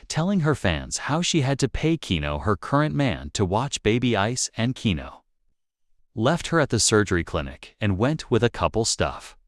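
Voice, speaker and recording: A man's voice: lowish voice, dry recording, clean studio sound. A man narrating celebrity gossip for his show in a wry, teasing way.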